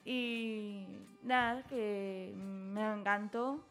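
Slow-speaking young woman, radio guest. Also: medium pitch, fairly even intonation, faint music behind. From Spain. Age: 20s. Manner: short, hesitant answers. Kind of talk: casual radio interview.

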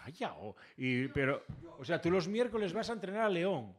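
A man hosting a casual radio interview, chatty and teasing, firing quick follow-up questions. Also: a little high, sing-song. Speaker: radio host.

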